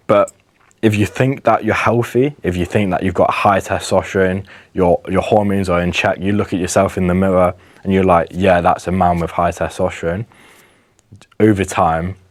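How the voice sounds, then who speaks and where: A man's voice: deep voice, dry recording. A young man talking earnestly to camera, giving health advice with emphasis and some restarts. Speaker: wellness vlogger. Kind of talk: casual advice monologue to camera.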